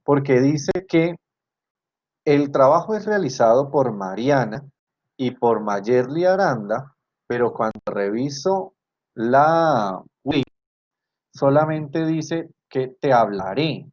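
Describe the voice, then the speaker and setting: A man's voice: mid-range voice, expressive, takes it slowly, darkish tone. A man with a Colombian Spanish accent, a university tutor who teaches in an online class and goes over student work. He explains step by step, repeats his points and checks that the class is following. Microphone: video call computer mic. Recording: slightly dull lo-fi call audio.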